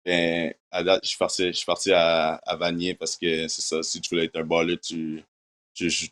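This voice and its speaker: Low-pitched and slightly bright, this young Quebec university football player speaks at a moderate pace with a completely flat delivery. English is his first language, yet he answers the interview in relaxed French peppered with English terms.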